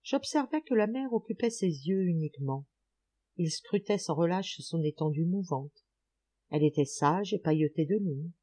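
A woman's voice: lowish voice, expressive, dark tone. Woman reading a literary audiobook. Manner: measured, literary phrasing. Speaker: audiobook reader. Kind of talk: scripted audiobook narration.

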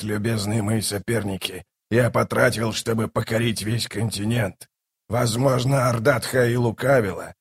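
A man's voice: lowish voice, breathy edge. A man voicing a scornful ancient tyrant king in an audiobook, mocking and boastful. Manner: mocking, boastful, erupts into shouting. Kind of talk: audiobook character voice.

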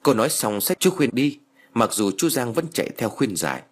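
A man narrating an audiobook story with expressive storytelling. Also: mid-range voice, moderate pace, husky.

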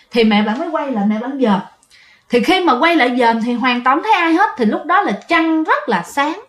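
A woman with a Southern Vietnamese accent tells a ghost story in an easy, chatty way. Her voice sits a little high, and she keeps turning to her listeners and circling back over her own phrases. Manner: chatty, addresses listeners often, repeats phrases. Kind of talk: spoken ghost story telling.

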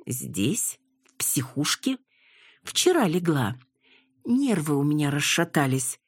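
Woman reading a tart older mother, nervous and sardonic, husky voice, lively pitch. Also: measured pace, no room sound, clean studio sound, exaggerated voice.

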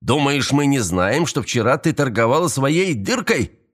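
A man voicing a sneering gang thug, high and taunting. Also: sing-song, moderate pace. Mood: mocking. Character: sneering young male gang thug, cruel and mocking.

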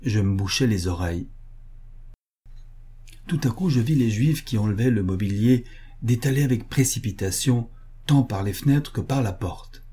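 A man reading a literary short story aloud in a measured, even storytelling manner. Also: on the low side, breathy edge. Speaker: audiobook narrator. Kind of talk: scripted literary narration.

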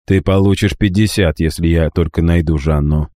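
A man's voice: low voice, fairly even intonation, moderate pace, warm tone, no echo, studio quality, lightly acted. A man voicing a grave, commanding nobleman who threatens and pleads urgently, in an audiobook. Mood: stern.

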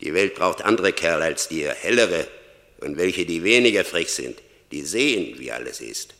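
An actor playing Death in a German radio play, a stern, merciless grim reaper scolding and commanding. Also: male voice, lively intonation, normal speed, sharp tone, heavily acted. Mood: harsh, dismissive. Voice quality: gravelly, very deep. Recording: long cavernous reverb.

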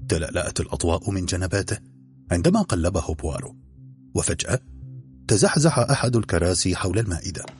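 A man narrating a story in an expressive, varied delivery. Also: low voice, quick pace, faint music behind. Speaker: audiobook narrator.

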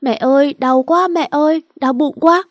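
A shrill, sobbing young woman who plays the victim, wailing her complaints in a high voice, as a female reader puts her on. The voice is warm and close, recorded dry for a storybook audiobook. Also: lively intonation, fast talker, dry recording. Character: whiny pregnant young woman, spiteful bully.

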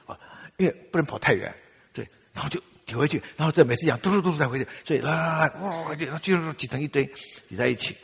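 A male pastor preaching a sermon in a church, telling stories in a humorous, animated way. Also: on the high side, rapid-fire, vocal fry, breathy edge, long reverb tail.

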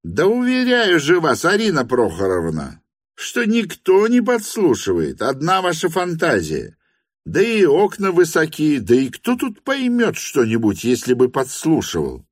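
A man reading an audiobook, voicing an irritable young male guest who shouts his complaints. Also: medium pitch, very animated, normal speed, breathy edge, dry recording, clean studio sound, voice pushed up. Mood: exasperated. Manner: shouting, exasperated.

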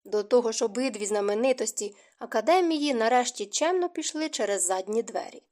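A woman narrating a historical novel in a calm, measured audiobook reading. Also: a little high. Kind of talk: scripted narration.

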